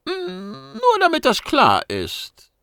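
Squeaky little alien mouse-beaver, cheeky and full of himself, really high, dry audiobook. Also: male voice, wildly swooping pitch, slow pace, a bit bright, dry recording, heavily acted. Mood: boastful. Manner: squeaky, teasing, boastful. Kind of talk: audiobook reading.

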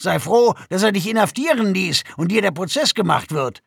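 A man voicing a huge, brutish male alien guard in an audiobook, loud, mocking and threatening. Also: a little high, moderate pace, creaky, breathy edge, no room sound, studio quality. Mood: sneering.

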